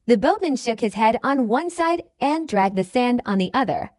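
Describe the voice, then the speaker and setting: A woman narrates an action story in a dramatic audiobook manner. Her voice is high and swings widely in pitch, and the recording is dry and close with no room sound. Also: animated, normal speed, a little mellow, dry recording.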